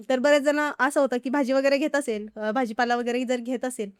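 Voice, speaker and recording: A high-voiced woman talks fast through her stories in a podcast interview. She acts out the other people's lines as she goes. The room is dry and close. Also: flat delivery, smooth, dry recording. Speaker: farmer vlogger guest. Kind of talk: casual podcast interview storytelling.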